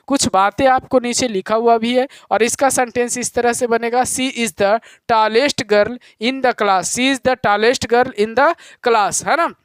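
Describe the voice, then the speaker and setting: Dry, clear-voiced male teacher, slow and repetitive. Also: very high voice, no echo. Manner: explains slowly, repeats key points; calls students "my dear children". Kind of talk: grammar lesson.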